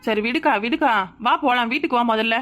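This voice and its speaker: A woman's voice: a little high, quick pace, a bit bright, natural voice. A woman voicing a practical younger village woman who keeps reassuring her elder, with a Kanyakumari Tamil accent. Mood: coaxing. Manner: coaxing, reassuring.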